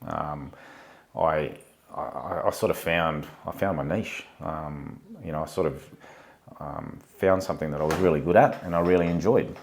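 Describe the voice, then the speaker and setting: A very deep-voiced Australian man in his forties answers interview questions in a relaxed, conversational way. He pauses often with ums and uhs, thinking back as he talks. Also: creaky, a little hiss or hum. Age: 40s. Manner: hesitant, many ums and uhs, reflective. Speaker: podcast guest, former police officer.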